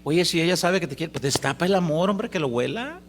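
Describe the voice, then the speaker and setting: A man preaching a Sunday sermon in a folksy, joking way, getting loud when he stresses a point. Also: on the high side, animated, fairly quick, slight background noise. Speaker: pastor. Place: church service.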